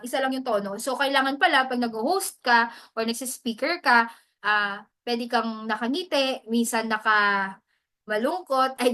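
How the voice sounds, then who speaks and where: A woman coaching in a loose, chatty way, her voice bright and forceful and set a little high. She drifts easily between her own language and English, as if talking over a video call. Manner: chatty, mixes English into Tagalog, often adds "mens". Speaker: hosting mentor. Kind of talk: casual teaching talk.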